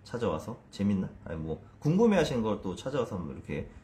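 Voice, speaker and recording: Male fitness trainer, 30s, animated swinging delivery, casual and self-deprecating, frequent restarts. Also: on the low side, fast, slight background noise. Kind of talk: casual explainer video.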